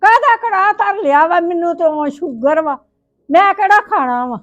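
A woman's voice: very high voice, moderate pace, dull audio, faint music behind. A woman playing an older, hard-of-hearing grandmother who mishears and scolds in a homemade village drama. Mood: mishearing.

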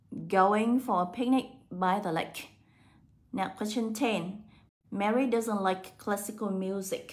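A woman English teacher, walking students through exam answers step by step and slowing down to read English words aloud. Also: mid-range voice, darkish tone. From Vietnam. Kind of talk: exam answer walkthrough lesson.

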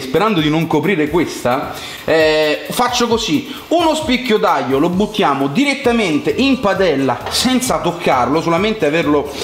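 Casting: young male cooking vlogger, Roman Italian accent, higher-pitched voice, chatty and colloquial, echoey kitchen. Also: a bit bright. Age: young adult. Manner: colloquial, chatty, addressing viewers directly. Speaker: cooking vlog host. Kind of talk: casual cooking demonstration to viewers. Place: home kitchen, indoors. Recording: echoey room sound.

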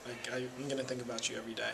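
Young man, gravelly, quick earnest talk. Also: medium pitch, little pitch movement. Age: young adult. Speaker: graduating senior student. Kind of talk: heartfelt message to camera. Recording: distant mic with noticeable background noise.

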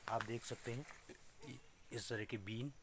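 A man's voice: medium pitch, steady tone, a little slow, slight background noise. A middle-aged man giving a casual vlog tour of his small organic farm greenhouse, explaining the crops to viewers as he films on a phone held at arm's length. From Uttarakhand, India. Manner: plain, explanatory, pointing things out to viewers. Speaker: organic farmer. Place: inside a small polyhouse greenhouse. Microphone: phone camera held at arm's length.

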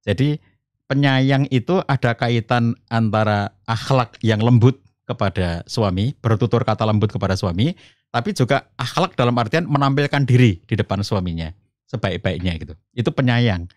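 Calm middle-aged man, dry close sound. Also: normal speed, no echo. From Solo region, Central Java. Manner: calm explanatory, addresses host as Ustaz, rises in pitch for emphasis. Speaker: family counselor, podcast guest. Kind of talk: conversational religious talk.

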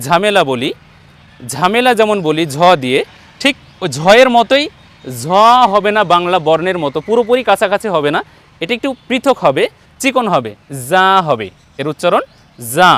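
A man teaching Arabic letter sounds in an online lesson, patiently repeating each letter slowly for viewers to copy. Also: high-pitched, sing-song, fairly bright tone. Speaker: Quran teacher.

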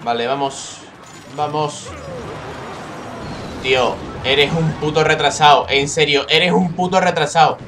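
A young man from commenting live on his own mobile game match, swearing freely, shouting when things get tense and talking to his viewers directly. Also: fairly high pitch, fairly even intonation, measured pace, pauses often, noisy background. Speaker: gaming YouTuber. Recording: game music behind the voice.

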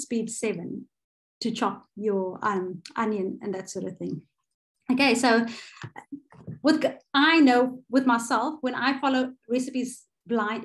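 Leading a cooking workshop on a video call, a South African-accented woman chats freely, correcting herself and using plenty of fillers. Her voice is a little high.

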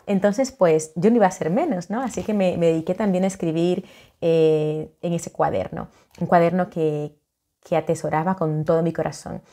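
A middle-aged woman from the Dominican Republic, an author who talks warmly and chattily into a webcam at home, with many fillers and restarts. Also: fairly low pitch, fairly even intonation, normal speed. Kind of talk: casual video greeting. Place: home living room, indoors.

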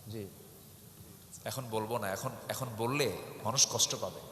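A man's voice: fairly low pitch, measured pace, noisy background. A Bangladeshi man in his fifties preaching a sermon to a large gathering, rousing and often calling out questions for the crowd to answer. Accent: Bangladeshi Bengali. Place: large outdoor religious gathering. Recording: echoey hall through a PA.

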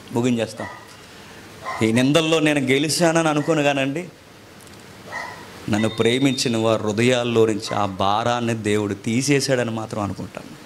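A man preaching, telling his own testimony, who drops to hushed asides and then rises to loud emotional peaks. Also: mid-range voice, slight background noise. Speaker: pastor.

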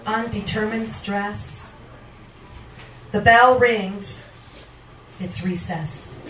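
A middle-aged woman, the featured poet at a reading, recites poetry live into a handheld microphone in a small wood-paneled bar. Her phrasing is dramatic and deliberate, with pauses and an occasional sing-song lilt, and her voice sits at medium pitch with a fairly bright tone. Filmed from across the room, the recording is roomy and distant, with background noise.

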